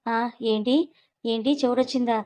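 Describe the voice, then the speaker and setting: A woman's voice: a little high, little pitch movement, normal speed, darkish tone, lightly acted. A woman voicing a teasing, cheeky young woman in a storybook reading, playful and coy.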